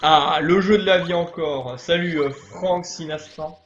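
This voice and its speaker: A chatty man streaming a video game, rambling and greeting viewers as he plays. His voice sits fairly high, and it comes across echoey and a bit lo-fi, as if recorded in an untreated room. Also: a little slow, a bit bright, soft background music. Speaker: let's play streamer. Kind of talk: casual live game commentary.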